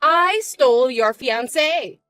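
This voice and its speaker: A woman voicing a spiteful, bossy young stepsister who talks in a shrill, mocking, shouty way. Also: lively intonation, slow pace, no echo, soft background music, full character voice. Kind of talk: chat-story voice acting.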